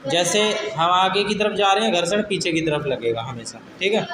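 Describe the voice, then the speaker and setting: Man, science teacher, high voice, classroom lecture, firm, explains with examples, echoey room, noisy background. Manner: dictates slowly from notes, then explains with everyday examples, repeating "okay"; scolds students firmly.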